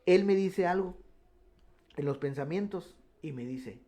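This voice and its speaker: Radio testimony guest, man, somewhat higher voice, earnest, keeps restarting. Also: unhurried, warm tone. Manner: earnest storytelling with many restarts.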